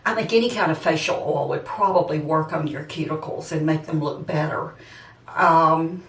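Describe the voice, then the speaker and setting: A seventy-six-year-old woman vlogger chats casually and a bit ramblingly, speaking directly to her viewers. Her voice sits low and a bit bright at normal speed, caught on a distant microphone with roomy echo.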